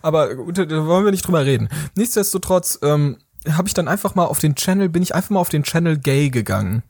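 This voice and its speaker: A man's voice: on the high side, expressive, fast, a little mellow, husky, no echo, clean studio sound. A man co-hosting a podcast in casual, joking chat, rambling and self-mocking. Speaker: podcast co-host.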